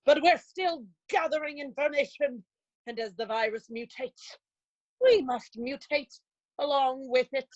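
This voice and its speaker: A sharp-tongued female doctor, played by a woman, speaks slowly in a high, clipped voice in a comic audio drama. The recording is dry and dull, with a lo-fi edge. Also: no room sound. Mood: curt.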